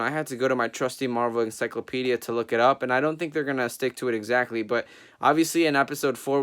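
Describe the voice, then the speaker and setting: A man hosts a casual solo review, gushing with enthusiasm and often stopping on ums and uhs. His voice is smooth and clear, sitting at an ordinary male pitch. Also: fairly bright tone. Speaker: TV review host.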